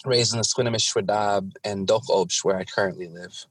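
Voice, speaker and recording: Low-voiced man from the Pacific Northwest, deliberate. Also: fairly even intonation, a bit bright, no room sound. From Pacific Northwest, United States. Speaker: guest artist. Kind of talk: interview talk with self-introduction.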